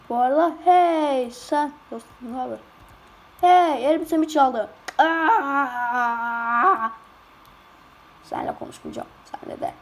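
A woman commenting on a game in casual chat, excitable and slangy, often yelping and shouting. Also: high-pitched. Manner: slangy, keeps saying "lan". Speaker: gamer.

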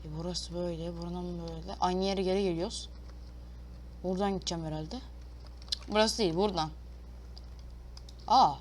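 A woman's voice: fairly low pitch, fairly even intonation, a little fast, long pauses, a little mellow, slight background noise. A woman giving casual let's-play commentary, talking to herself and her viewers, reading game prompts aloud and swearing playfully. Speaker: gaming YouTuber.

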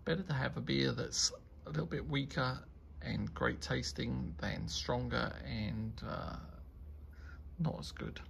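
A man's voice: medium pitch, steady tone, a little slow, creaky, a bit bright, a little hiss or hum. A man chatting casually as he reviews a beer, rambling and enthusiastic as he tastes. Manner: rambling, enthusiastic tasting remarks.

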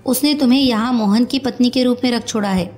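A woman narrating a storybook in a steady, measured reading voice. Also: fairly high pitch, poor audio.

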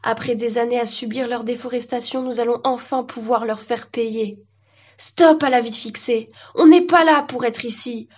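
A woman's voice: a little high, fairly even intonation, normal speed, darkish tone, slightly rough. A woman voicing a female talking tree who leads the others with a declamatory speech-making manner, on a dull lo-fi recording. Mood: rousing. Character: rousing tree leader, female.

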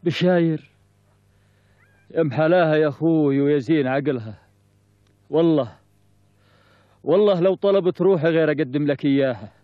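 Male actor as passionate Bedouin brother, high voice, Bedouin Arabic, declamatory TV-drama delivery, muffled phone-like sound. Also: moderate pace, long pauses, no echo, lightly acted. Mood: earnest devotion. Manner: emotional, declamatory, repeating phrases. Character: passionate Bedouin man devoted to his newfound brother. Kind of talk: Bedouin television drama acting. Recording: muffled, phone-like, faint music.

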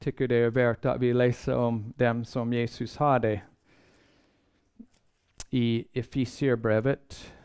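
A man delivers a sermon-style Bible lecture in a measured, earnest way, with frequent pauses and restarted phrases. His voice sits in an ordinary middle register and sounds smooth and resonant. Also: mid-range voice, flat delivery, a little mellow. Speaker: Bible seminar speaker.

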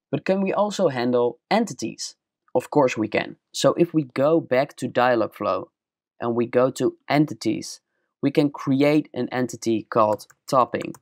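A young man with a Dutch accent presents a screen-recorded software tutorial, explaining each step plainly. His voice is medium in pitch, and the recording is dry and studio quality.

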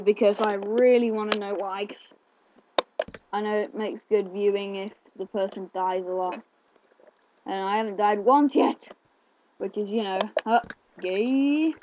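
Male gameplay host, unhurried rambling commentary with fillers; slightly muffled desk mic, keyboard clicks behind. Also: high voice, darkish tone, a little hiss or hum. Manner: rambling, chatty, with many fillers. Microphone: desk mic picking up keyboard clicks. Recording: slightly dull home recording with keyboard clicks.

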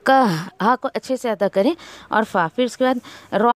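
A woman teaching a Quran recitation lesson, correcting pronunciation by slowly repeating syllables to demonstrate. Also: on the high side, no room sound. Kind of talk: tajweed lesson.

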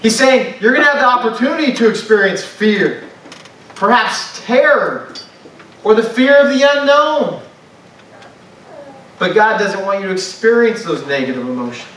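A man's voice: high-pitched, lively intonation, normal speed, pauses often, fairly bright tone, slight background noise. A man preaching a sermon to a congregation, talking in a conversational way and asking the room questions. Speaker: pastor. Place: church sanctuary. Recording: echoey church sound from a distant mic.

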